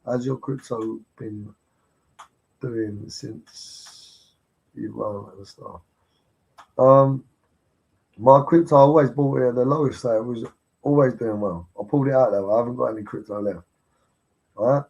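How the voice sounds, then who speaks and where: A man talks straight into his stream, blunt and pushy, with curses scattered through nearly every sentence. His pitch sits right in the middle for a man. He keeps hammering the same point with insistent energy. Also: steady tone, unhurried, creaky, long pauses, a little mellow, slightly rough, lo-fi sound. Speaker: livestreamer. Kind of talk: casual live-stream rant.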